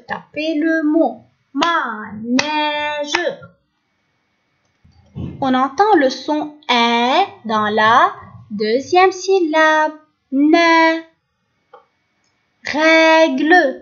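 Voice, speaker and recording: Woman teacher, Lebanese French accent, very slow careful phonics drill, syllable by syllable stress, dull recording. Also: sits high. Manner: slow, clearly articulated, stressing each sound and syllable. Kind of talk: recorded phonics lesson for young pupils.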